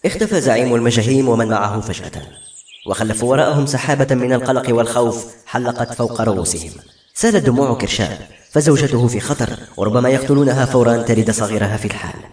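A man narrating a novel as an audiobook in a brisk, even storytelling manner. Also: medium pitch. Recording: roomy echo.

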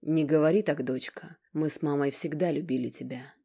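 Woman doing a tired middle-aged dad, gentle, low husky voice. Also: normal speed. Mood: pleading. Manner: calm, sighing, gentle. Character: solid middle-aged father, weary and pleading.

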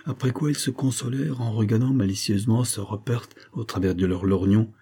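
A male narrator reading a classic novel at a steady, measured pace. His voice is low and dark, with a husky, slightly breathy grain. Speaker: audiobook narrator.

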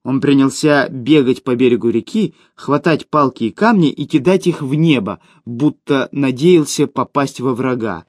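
A man narrating an audiobook with expressive storytelling. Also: mid-range voice, moderate pace, hardly any pauses, dry recording, studio quality.

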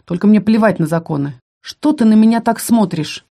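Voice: mid-range voice, normal speed, creaky, warm tone, pitched above the performer's own voice, lightly acted. A reader voicing a hot-tempered, possessive young male battle mage in a fantasy audiobook, speaking with intense, demanding force.

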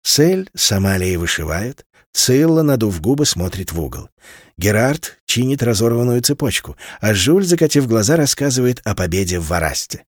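A man reading a novel aloud as narrator, in an expressive, measured way. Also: on the low side, no room sound, studio quality. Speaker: audiobook narrator. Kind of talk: scripted literary narration.

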